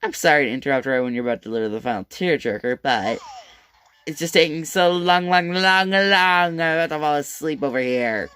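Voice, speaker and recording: A man's voice: medium pitch, a bit bright, a little hiss or hum, lightly acted. A man voicing a gleeful, mocking male bear mastermind in a manga read-aloud, sneering and drawing out his words. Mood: taunting. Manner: taunting, drawn-out sneering.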